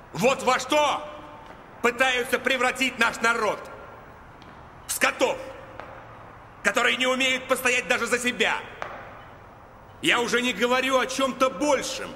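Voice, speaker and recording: A man's voice: very high-pitched, bright, forceful tone, exaggerated voice. An actor in his thirties playing a hard, menacing male gang leader haranguing his men in a film drama. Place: large indoor sports hall. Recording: reverberant hall, faint background noise.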